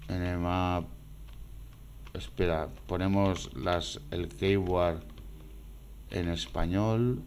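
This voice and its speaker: A man's voice: low voice, steady tone, drawn-out words, long pauses, darkish tone, a little hiss or hum. A man casually talking through a desktop demo as he goes, rambling and repeating himself as he thinks aloud. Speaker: screencast maker. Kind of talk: casual screen-recorded demo.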